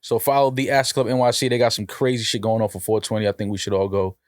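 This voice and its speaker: A man's voice: fairly low pitch, fast, no echo. Slangy man chatting in a dry studio. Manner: slangy, repeats phrases for emphasis. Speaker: podcast co-host. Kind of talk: casual podcast chat.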